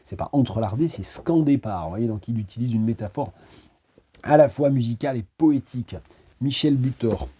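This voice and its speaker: A man's voice: medium pitch, lively intonation, moderate pace, dark tone, husky. A man presenting his poetry collections in a casual, digressive talk, often hesitating, then reading poems aloud in a rhythmic, emphatic cadence. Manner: chatty, digressive, frequent hesitations.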